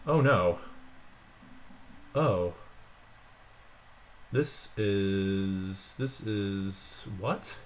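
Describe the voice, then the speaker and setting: A man giving casual, excitable commentary while opening card packs, with jokey asides. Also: low voice, extremely slow, pauses often, slight background noise. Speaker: pack-opening streamer.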